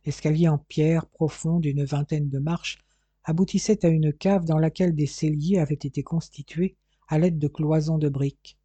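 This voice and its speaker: Dark-voiced male audiobook narrator. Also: a little high, fairly even intonation, moderate pace, no room sound. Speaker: audiobook reader. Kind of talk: scripted narration.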